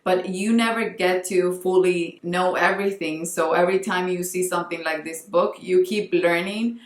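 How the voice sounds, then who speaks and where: A woman's voice: lowish voice, fairly even intonation, moderate pace, echoey room. A young Colombian woman with a Spanish accent, talking earnestly in a casual book vlog and often restarting as she searches for words. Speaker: book vlogger.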